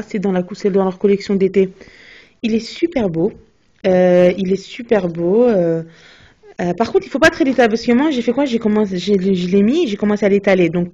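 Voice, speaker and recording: On a dull, lo-fi phone video, a young beauty vlogger casually chats through her recent beauty haul. Her medium-pitched voice is mellow and slightly rough, and she's hesitant, full of fillers and restarts.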